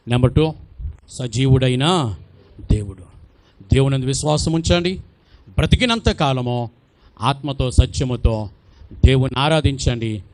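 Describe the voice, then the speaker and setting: A man preaching an Easter sermon as pastor. He speaks emphatically, repeats his phrases, asks the congregation questions and builds to loud exclamations. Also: mid-range voice, no room sound. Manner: addresses the congregation directly with questions.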